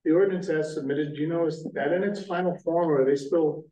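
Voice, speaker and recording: A man's voice: fairly high pitch, fast, dark tone. A man at a city board meeting asking pointed questions about details. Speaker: board member. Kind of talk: public meeting discussion. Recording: dull, echoey, distant mic.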